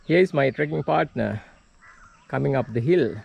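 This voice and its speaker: A man's voice: mid-range voice, lively intonation, normal speed, vocal fry, slightly rough, highs cut off. A Sri Lankan man narrating his hike on a tea estate trail to an action camera, a bit out of breath as he walks uphill. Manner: walking uphill while talking, slightly winded. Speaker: hiking vlogger.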